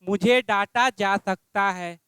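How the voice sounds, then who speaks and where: A man's voice: sits high, slow pace, pushed and bright, smooth, no room sound. A male English teacher teaching grammar. He quizzes his class with repeated questions and spells out phrases word by word.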